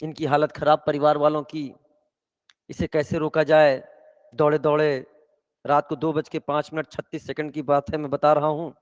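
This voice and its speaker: A man teaching chemistry in a lively lecture, often asking whether students follow and telling stories, in an echoey hall with dull sound. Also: a little high, moderate pace. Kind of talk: classroom lecture with storytelling.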